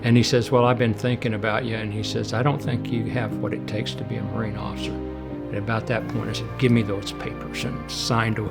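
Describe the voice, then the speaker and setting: A man's voice: fairly low pitch, fairly quick, vocal fry, loud music behind the voice. An older man, a retired Marine colonel from Oklahoma and Oregon, telling his life story plainly in an interview. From Oklahoma and Oregon, USA. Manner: plain, even-toned recollection with fillers.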